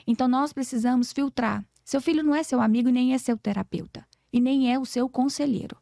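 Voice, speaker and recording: A woman's voice: high-pitched, fairly quick, gravelly, dark tone, no room sound, studio quality. A Brazilian woman in her forties, an educator and podcast guest, telling stories earnestly and acting out conversations. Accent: Brazilian Portuguese. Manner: earnest, preachy, acts out dialogues. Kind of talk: emotional storytelling interview.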